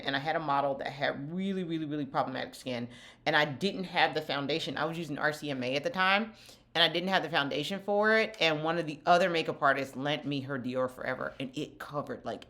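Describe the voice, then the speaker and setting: A woman's voice: deep voice, fairly bright tone. A middle-aged woman, a skincare company founder, chatting candidly while doing her makeup for a vlog. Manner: candid, chatty, self-deprecating. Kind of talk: get-ready-with-me makeup chat.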